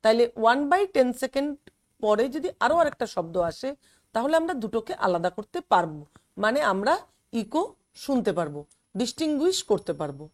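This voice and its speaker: A woman's voice: on the high side, big pitch swings, fairly quick, a little mellow. A woman teacher explaining a physics lesson step by step, with many fillers and English terms. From West Bengal, India.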